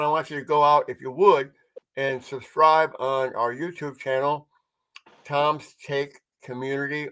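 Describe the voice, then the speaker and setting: A man's voice: mid-range voice, fairly bright tone. Man with mumbled, marbles-in-mouth speech. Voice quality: mumbled, marbles-in-mouth articulation from dental work. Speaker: sports podcast co-host. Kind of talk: casual sports podcast talk.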